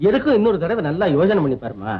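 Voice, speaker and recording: A woman's voice: medium pitch, sing-song, fast, slight background noise, lightly acted. An actress playing a motherly landlady who coaxes and advises a young wife in an old film comedy. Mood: coaxing. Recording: roomy, dull old film soundtrack.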